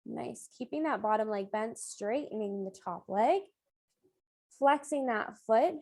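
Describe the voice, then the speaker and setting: Woman aerobics instructor with a creaky edge. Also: fairly high pitch, a little slow, darkish tone, no echo, clean studio sound. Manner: encouraging, instructional cueing in short phrases. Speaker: fitness instructor leading a beginner strength and flexibility class. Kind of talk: aerobics instructor cueing exercises with counts.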